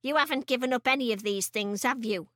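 A woman voicing a bossy, sharp-tongued tiny old grandmother who snaps and scolds. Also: fairly high pitch, fairly quick, dry recording, studio quality, natural voice. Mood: scolding. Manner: snapping, scolding.

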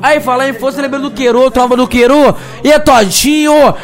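High-voiced man yelling rowdy shout-outs. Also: fairly even intonation, a little fast. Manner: crude, rowdy, yells names and laughs. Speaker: DJ giving shout-outs on his podcast mix. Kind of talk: hyped shout-out session over a mix. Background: funk music beat.

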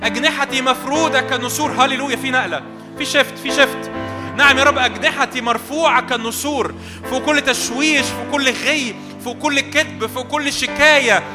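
A man's voice: very high-pitched, fast talker. A man with an Egyptian Arabic accent, a pastor leading a congregation in fervent, repetitive prayer declarations on a handheld mic. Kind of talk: charismatic prayer sermon. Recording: hall reverb with worship music. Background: worship music.

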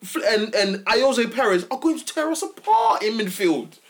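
A man talks in a slangy London roadman accent, like casual football podcast banter. His pitch swings widely. He is excitable and emphatic, often repeating himself. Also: normal speed.

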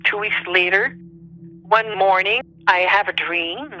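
Bright-voiced non-native English-speaking woman, searching for words. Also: mid-range voice, a little slow, low-quality recording. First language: not English. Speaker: interview guest telling personal stories. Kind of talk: personal storytelling, conversational.

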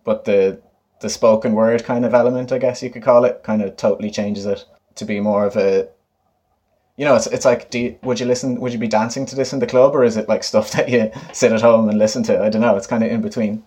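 Casting: man, late 20s, west of Ireland accent, low voice, casual and informal interviewee. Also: steady tone, fast, dark tone, breathy edge. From Galway, west of Ireland. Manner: informal, often laughing. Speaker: guest, musician and DJ.

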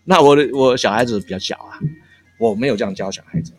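A man's voice: medium pitch, fast, faint music behind. A man, a café owner telling family stories in a casual interview, chuckling often between phrases. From Taiwan. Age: 60s. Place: countryside coffee shop. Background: faint jazz from shop speakers.

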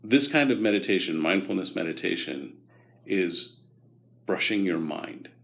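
Low gravelly man explaining calmly. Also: a little slow. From United States. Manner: calm, guiding, gently instructive. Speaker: guest expert on mindfulness. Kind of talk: explanatory interview talk.

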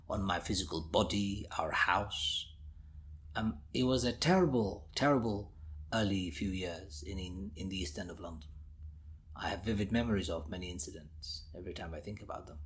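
A man's voice: lowish voice, a bit bright. Intense man recalling his childhood. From United Kingdom. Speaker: interviewee. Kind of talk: personal recollection in an interview.

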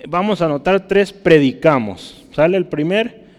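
A man's voice: fairly high pitch, lively intonation, normal speed. A man preaching a sermon and reading scripture aloud, emphatic, often checking in with his listeners. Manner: emphatic, often asks "¿verdad?". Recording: long hall reverb.

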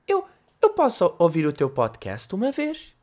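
A man's voice: high-pitched, wildly swooping pitch, unhurried, a little mellow, pitched above the performer's own voice, full character voice. A man putting on the voice of a cheeky young boy named Jake. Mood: pleading.

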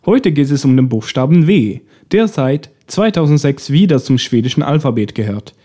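A man narrating a scripted language lesson in a calm, clear, explaining manner. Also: medium pitch, normal speed. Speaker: language teacher.

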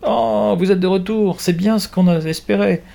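An excited young girl calls out in a very high, bright voice, as a man reading the story puts her on. She sounds eager and relieved. It is a storybook reading for children. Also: moderate pace, vocal fry.

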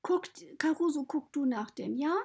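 A woman's voice: sits high, animated, normal speed, creaky, darkish tone, voice pushed up. A woman voicing a worried, friendly woman stable owner in a children's story, fretting over a sick pony. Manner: fretting, anxious.

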